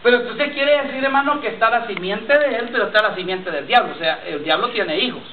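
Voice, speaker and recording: This fast-talking man has a high voice and delivers a sermon built on personal testimony, repeating lines and frequently saying "brother" to his listeners. Captured from afar in a tinny, lo-fi church recording, it's reverberant, with crowd noise and the congregation answering back.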